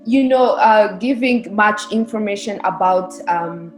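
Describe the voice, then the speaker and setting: On a podcast recorded in an echoey room with faint music behind, a young Rwandan woman who works as a research specialist gives casual interview answers. Her voice is medium-pitched and unhurried, and she explains her views earnestly and in detail.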